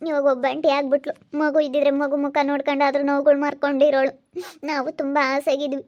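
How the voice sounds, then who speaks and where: A woman's voice: high voice, little pitch movement, a little fast, a little mellow, close to an everyday voice. An actress playing a tearful, grieving mother who laments over her daughter. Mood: lamenting. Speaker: mother of the young woman. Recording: dull lo-fi sound.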